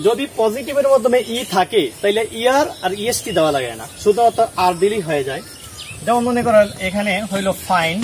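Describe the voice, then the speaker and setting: A high male voice, with a little hiss or hum in the recording, teaches English grammar at a board. He explains rules step by step and repeatedly asks his students whether they've understood.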